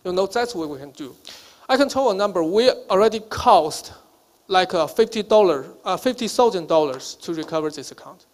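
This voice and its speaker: A man with a high-pitched voice gives an unscripted explanation as a company representative. His delivery is extremely slow. The phrasing is halting and non-fluent, built piece by piece. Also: expressive. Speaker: company representative speaking at meetup.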